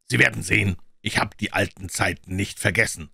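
A nervous elderly gentleman speaking in a startled, hurried way, as a man reads him. The voice is low and husky, recorded close and dry. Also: dry recording, heavily acted. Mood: uneasy.

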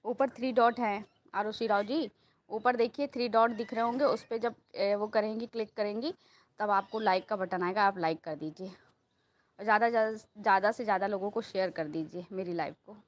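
A woman's voice: mid-range voice, moderate pace. A woman on a casual pet live stream, coaxing and scolding her cats and asking viewers to like her post. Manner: coaxing, scolding pets, pleading with viewers for likes. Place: home with cats.

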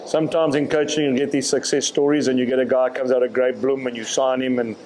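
A man, answering reporters' questions at a post-match press conference in a measured way, often repeating words as he thinks. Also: mid-range voice, level tone, a little mellow, a little hiss or hum, poor audio. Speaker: rugby director of rugby.

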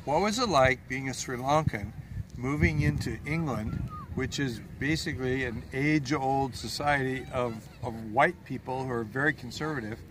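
A man's voice: medium pitch, normal speed, background noise. A man in his sixties hosting an outdoor interview, asking questions in a friendly, prompting way. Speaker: host interviewer. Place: open hilltop outdoors.

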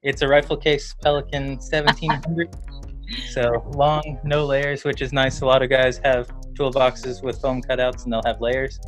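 A man's voice: medium pitch, little pitch movement, moderate pace, fairly bright tone, faint music behind. A man, a bike race mechanic, explaining step by step in a matter-of-fact way, outdoors. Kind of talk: casual how-to explanation.

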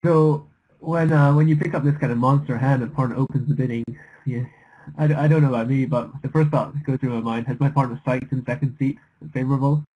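A man's voice: medium pitch, steady tone, quick pace, muffled recording. A young man analysing bridge bidding as a commentator, thoughtful and a little hesitant. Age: young adult.

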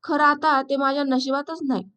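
A woman's voice: high voice, flat delivery, moderate pace, a bit bright. A woman reading as Shari, a sad blind village woman. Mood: sorrowful. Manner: rustic village speech, sorrowful.

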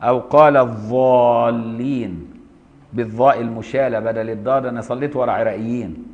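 An Egyptian-accented man teaches Islamic jurisprudence, reading a classical legal text aloud and then explaining it in colloquial dialect. He sounds out example words slowly. His mid-range voice stays steady, though the recording is muffled.

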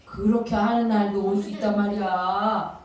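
A woman preaching a children's sermon in a church, animated and sing-song, quizzing the kids directly. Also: medium pitch, normal speed. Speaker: Sunday school teacher. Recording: echoey hall from far off.

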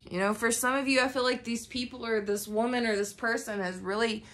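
Coming down with a cold, a woman with a nasal voice does a casual tarot reading for her viewers, chatty, swearing freely, and using many fillers. She sits indoors at a floor-level reading table, off-frame, with the camera aimed at the cards. Her voice is fairly high and a bit bright, fairly quick, with fairly even intonation.

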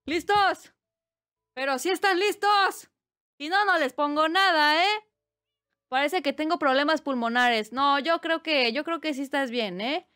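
Woman, Mexican accent, live-stream chat, playful teasing, high voice. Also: a little slow, bright, forceful tone. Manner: playful teasing, bursts of squealing laughter. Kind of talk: casual live-stream chat, reading chat aloud.

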